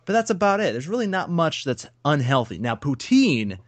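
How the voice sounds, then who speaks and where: A man's voice: on the high side, moderate pace, dry recording. A man in his thirties co-hosting a casual podcast, wry and laughing as he tells stories. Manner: wry, laughing, animated storyteller. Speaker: podcast co-host. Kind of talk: casual chat.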